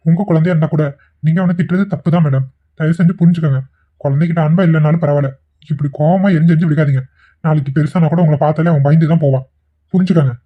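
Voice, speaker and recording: A man voicing a fast, earnest, pleading young man. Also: fairly high pitch, steady tone, close to an everyday voice. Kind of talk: cartoon voice acting. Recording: tinny phone-like recording.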